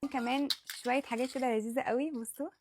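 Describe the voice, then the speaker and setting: Egyptian woman, beauty influencer, unboxing vlog; quick, gushing delivery, slightly high voice. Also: fairly even intonation, very noisy. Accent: Egyptian Arabic. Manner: gushing, rapid listing of products.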